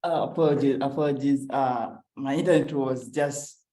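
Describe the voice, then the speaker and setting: A man's voice: mid-range voice, steady tone, normal speed, dark tone. Young Ugandan man on an echoey call. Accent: Ugandan English. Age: young adult. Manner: earnest, storytelling, with frequent uhs. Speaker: climate activist speaker. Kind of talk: personal talk on a video call. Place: at home. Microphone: video call.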